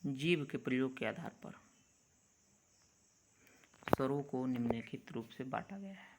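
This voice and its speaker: A man teaching a grammar lesson, speaking in a measured way and drawing out the sounds he demonstrates. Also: medium pitch, expressive, slight background noise. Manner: slow, measured, drawn-out letter sounds.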